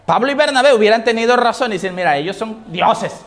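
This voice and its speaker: A male pastor delivering a sermon with a notably high voice. He keeps asking the congregation questions and filling in the answers himself, rising to loud emphatic readings before dropping into soft, low remarks. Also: expressive, quick pace. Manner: preaching with call-and-response questions to the congregation; swings between raised emphatic reading and low, quiet asides.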